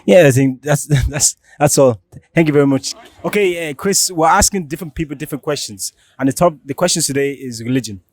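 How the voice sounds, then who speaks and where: Fast-talking male street interviewer. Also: on the high side, no echo. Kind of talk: casual interview.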